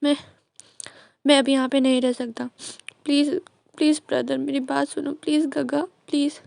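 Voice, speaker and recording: A woman's voice: high-pitched, flat delivery, normal speed, gravelly, darkish tone, no echo. Woman doing a tearful pleading young man. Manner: pleading, repeating words.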